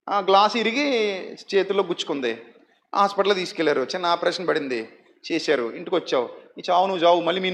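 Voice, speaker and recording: A man's voice: high-pitched, fairly bright tone. A man preaching a sermon, asking the congregation questions and acting out the people he quotes.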